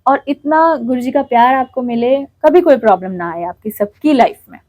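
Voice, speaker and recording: Middle-aged woman, high voice, dry close sound, heartfelt devotional testimony, emotional storyteller. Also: normal speed, darkish tone, no echo. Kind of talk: emotional spoken testimony to a congregation.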